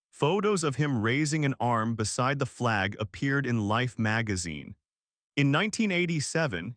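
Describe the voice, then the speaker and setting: Guy doing scripted doc narration, mid-pitch voice, measured and dramatic. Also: fairly bright tone, dry recording, studio quality.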